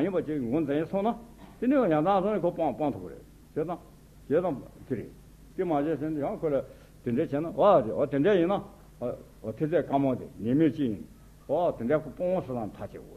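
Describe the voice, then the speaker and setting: A man's voice: on the high side, expressive, fast, slightly rough. A man, a Buddhist teacher, giving an informal spoken commentary on a religious text in short, conversational phrases. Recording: tinny phone-like sound with faint noise.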